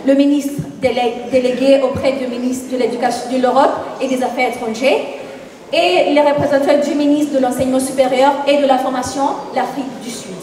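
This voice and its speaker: A woman with a Kenyan accent delivers a formal, measured closing summary, now and then correcting herself. Her voice is high and distant from the mic. It carries a very strong echo with a long reverb tail from a large hall. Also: fairly even intonation, mellow. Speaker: program manager and moderator.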